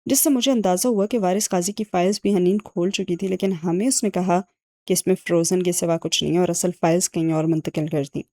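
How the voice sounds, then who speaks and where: A composed, clever young woman, read by a woman narrator lays things out calmly and knowingly. The voice sits low and mellow, and the recording is dry and close, as in an audiobook. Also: dry recording, lightly acted.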